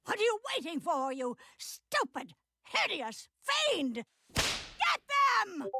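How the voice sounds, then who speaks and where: A woman voicing a sharp-tongued suburban mother in an animated sitcom. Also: sits high, slow pace, a little hiss or hum, full character voice. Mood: scolding.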